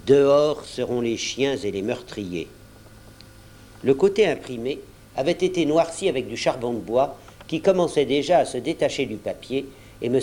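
A man narrating an audiobook in a measured storytelling manner. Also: medium pitch, mellow. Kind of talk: scripted narration.

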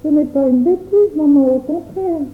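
A woman's voice: sits high, moderate pace, natural voice. A woman voicing a shy, tender young girl in a storybook reading, pleading and sweet. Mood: timid. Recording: tinny phone-like audio.

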